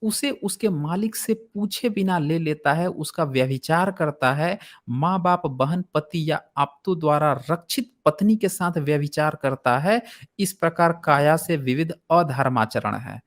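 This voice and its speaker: A man's voice: fairly high pitch, measured pace. A man, hosting a channel and explaining old philosophy in a conversational way, reading from a text and commenting on it. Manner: mocks opponents in put-on voices. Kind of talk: casual explanatory talk.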